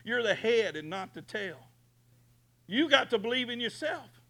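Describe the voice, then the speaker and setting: A man preaching a booming motivational sermon as a pastor, emphatic, folksy and repetitive in his exhortation. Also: big pitch swings, a little slow, vocal fry. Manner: emphatic, repetitive exhortation, swinging from hushed to shouted.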